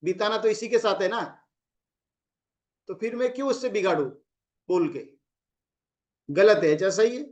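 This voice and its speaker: A man's voice: sits high, measured pace, pauses often. A middle-aged man, a relationship coach, giving casual advice and acting out examples of how people phrase things in anger. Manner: explains with acted examples of angry phrasing.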